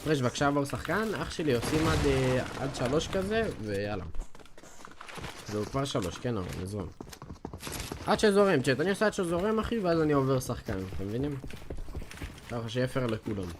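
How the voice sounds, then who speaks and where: An eighteen-year-old man from Israel, streaming a game and chatting casually with his viewers in an excited, slangy way. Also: medium pitch, pauses often. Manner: slangy, excitable, keeps calling out to chat and players. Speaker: gaming streamer. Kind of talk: casual livestream chat while playing. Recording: noisy stream audio with clicks.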